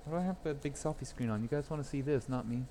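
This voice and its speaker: Repairing a phone at his workbench on a live stream, a young man talks casually with viewers, rambling and laughing. He races along in a mellow, mid-range voice, with a little hiss or hum in the background.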